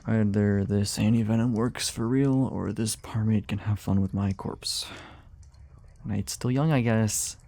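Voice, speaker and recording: A man voices a tired monster hunter in a fantasy ASMR roleplay, his dark, mellow tone heavy with gravel and pitched fairly low. He speaks at a measured pace with fairly even intonation, muttering and hesitating as he goes. Weary and grumbling, he offers dry sarcasm, wary yet open to conversation.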